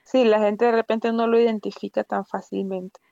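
A woman from Venezuela with a Venezuelan accent, chatting casually as a guest and telling stories with lively asides. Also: medium pitch, moderate pace, creaky, no echo, dull audio. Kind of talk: casual conversation.

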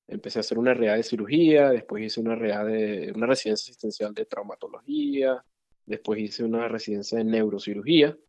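Venezuelan guy in his 30s, relaxed rambling talk, lots of pues, dry sound. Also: mid-range voice, no room sound, dull audio. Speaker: interview guest, doctor. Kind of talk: conversational interview.

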